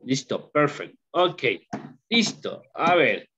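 Hombre profesor de inglés, habla lento. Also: male voice, a little high, very animated, a bit bright, slightly rough. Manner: slow, repeats questions to students, mixes English into Spanish. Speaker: English teacher. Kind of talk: online class lesson. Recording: dull lo-fi call audio.

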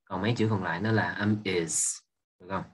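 A man's voice: deep voice, steady tone, fairly quick, husky. A man, an English teacher going over an exam and patiently repeating words while checking that students follow. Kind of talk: exam review lesson.

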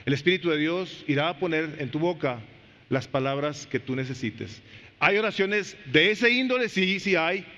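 Male pastor, animated sermon, questions the congregation, fairly high voice, long church reverb. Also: moderate pace. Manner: animated preaching that swings between soft low lines and loud high emphasis; talks directly to the congregation with rhetorical questions. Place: church sanctuary. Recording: reverberant church hall, dull lo-fi sound.

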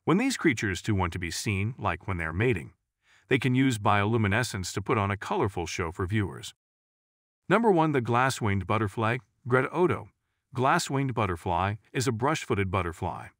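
A man reading scripted nature documentary narration in a measured, informative way. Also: fairly low pitch, expressive, a bit bright, no echo, studio quality. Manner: measured, informative read-aloud delivery.

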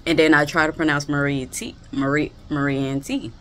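A woman's voice: low voice, fairly even intonation, a little fast, a bit bright. A woman hosting a reaction video, chatting casually and eating while she talks.

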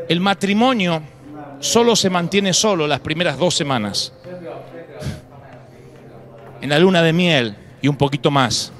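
Pastor guy with a high voice preaching to a church crowd, punchy and jokey, soft music underneath. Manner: emphatic, with humorous asides and acted quotes. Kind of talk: live sermon. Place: church before a congregation.

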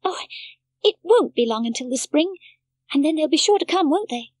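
A woman voicing Heidi, an eager, excitable little girl in a storybook reading, calling out breathlessly. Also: high voice, moderate pace, dry recording, pitched above the performer's own voice.

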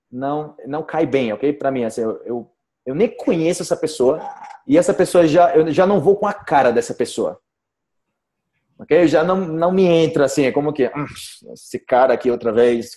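A Brazilian man teaches everyday Portuguese expressions to a group on a video call. His voice sits a little high, and he keeps repeating examples and asking "ok?". The sound is video-call audio. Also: mellow. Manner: patient, repeats examples, says "ok?" and "cara" often.

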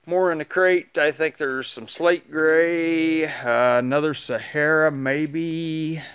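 A man's voice: on the high side, slow, clean tone. A man giving a casual, rambling update while walking through his motorcycle shop, filming on a phone. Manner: relaxed, rambling, many "uh" fillers. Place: large indoor motorcycle shop and showroom. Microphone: phone camera held while walking.

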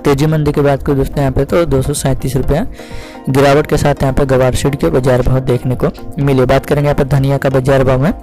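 A man's voice: mid-range voice, little pitch movement, warm tone, faint music behind, low-quality recording. A man from India hosting a farm market report, rattling off commodity prices in a repetitive scripted way. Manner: rapid, repetitive listing of prices. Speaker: host reading market prices.

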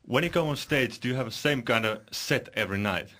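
A man's voice: mid-range voice, expressive, brisk, sharp tone. A man who is not an English speaker, hosting a radio interview, asking simple questions and laughing often. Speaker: radio host. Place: radio studio.

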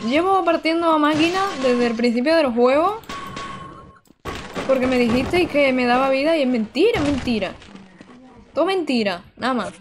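A woman's voice: high-pitched, expressive, normal speed, long pauses, background noise. Chatty young woman streaming a game. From Barcelona, Spain. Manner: chatty, exclamatory, giggly, answering chat. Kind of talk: casual live-stream chat while gaming. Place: indoor room.

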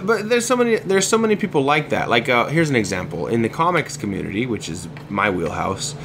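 This podcast guest, a male comics artist, has a medium-pitched, expressive voice and talks a little fast over a noisy background. His casual chat rambles along with plenty of hesitation, false starts, and restarts.

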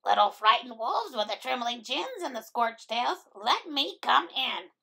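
A woman voicing the big bad pig, a menacing male bully who draws out his threats slowly. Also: fairly high pitch, lively intonation, creaky, bright, forceful tone, pitched above the performer's own voice, full character voice. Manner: slow drawn-out threats.

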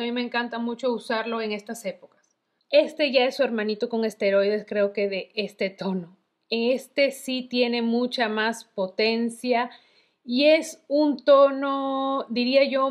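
A woman reviewing makeup in a chatty, casual way, full of diminutives. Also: on the high side. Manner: chatty, uses many diminutives. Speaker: beauty vlogger.

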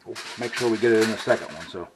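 A man with a lowish voice talks rapid-fire over background noise, hosting a casual cooking channel video. He chats folksy with viewers, calling them "y'all," as he preps in his home kitchen and then grills outdoors, picked up by a handheld camera mic.

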